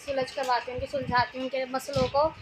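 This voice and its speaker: A woman's voice: high voice, level tone, fast talker, noisy background. A young woman vlogging at her family home, chatting casually, teasing and laughing often. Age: young adult.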